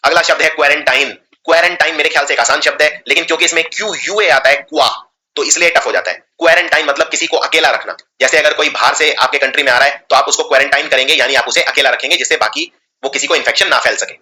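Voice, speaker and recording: A man teaching an exam-prep spelling lesson, slowly explaining words and spelling them out letter by letter. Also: fairly high pitch, sharp tone.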